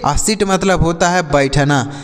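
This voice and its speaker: A man's voice: fairly high pitch, a little slow, big-room sound. A man teaching English phonics in a patient, repetitive way, asking questions and answering them himself. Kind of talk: Hindi-language phonics lesson.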